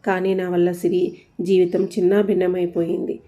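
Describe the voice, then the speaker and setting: A woman narrating a first-person audio story in an even, steady reading voice. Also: on the low side, normal speed. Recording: dull lo-fi recording.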